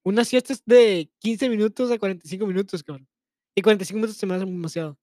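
A man's voice: high-pitched, very fast, a little mellow, no echo, clean studio sound. A young man with a Mexican accent, co-hosting a crude, slang-heavy casual podcast chat and pushing his point insistently. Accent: Mexican Spanish. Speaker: podcast co-host.

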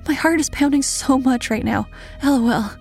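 A woman's voice: moderate pace, gravelly, darkish tone, faint music behind. A woman voicing a frightened young woman who talks in a breathless, frantic rush. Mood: gushing relief. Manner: breathless, high-pitched and frantic. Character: panicked young woman, frightened friend on a video call.

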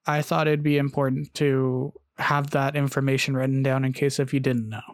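A man's voice: mid-range voice, little pitch movement, moderate pace, dry recording, studio quality. A man hosting a casual podcast, telling a story with frequent "uh"s and restarts and reading long quotes aloud. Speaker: podcast host.

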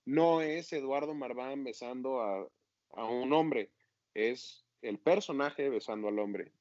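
A man's voice: medium pitch, slow, darkish tone, no echo, lo-fi sound. A man, an actor being interviewed, talking casually and acting out his own self-critical inner voice.

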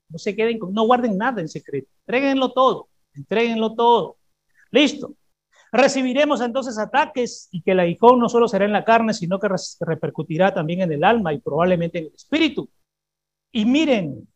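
A woman preaches a sermon to her congregation at a middle pitch. She is emphatic and repetitive, stacking up phrases and pausing to ask the listeners questions. She has them say lines back to her. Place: church service before a congregation.

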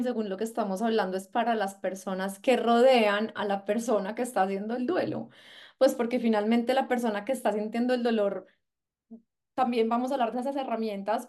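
A woman hosting a conversational interview, telling stories in an emotional, expressive way. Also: a little high. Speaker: host.

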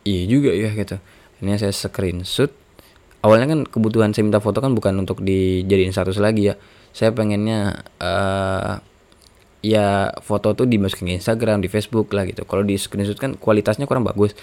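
A man's voice: fairly low pitch, steady tone, normal speed, a little mellow. A nineteen-year-old man talking in a rambling, casual monologue, with many fillers. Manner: rambling, many fillers like gitu, sighs ya Allah.

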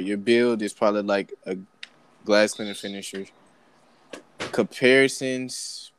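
A man's voice: fairly low pitch, clear, resonant tone. Rowdy young man hosting a chat. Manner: rowdy, joking, swears freely. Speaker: segment host asking questions. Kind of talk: casual group chat.

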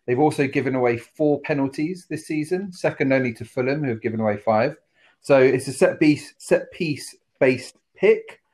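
A man with a medium-pitched voice speaks as a football podcast panellist. He lays out his reasoning in a casual, conversational way. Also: darkish tone.

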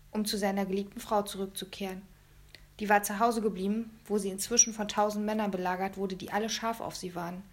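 A woman reading a first-person children's story aloud in a lively storytelling manner. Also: mid-range voice. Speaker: audiobook reader.

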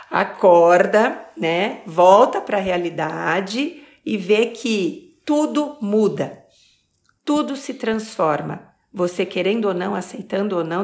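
Brief: woman in her 40s with a Brazilian accent, podcast host, gravelly fry in the voice, emphatic motivational delivery. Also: medium pitch. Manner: expressive, emphatic, stretches key words.

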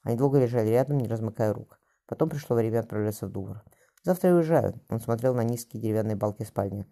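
A man's voice: steady tone, quick pace, dark tone. A man narrating a romance novel as an audiobook reader, voicing both lovers' dialogue himself. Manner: voices both lovers in dialogue with raised pitch.

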